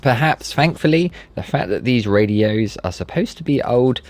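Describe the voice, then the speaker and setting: Hosting a maker channel, a man reads a scripted tutorial, laying out each step methodically. His voice is medium-pitched with lively intonation and a moderate pace, set against background music.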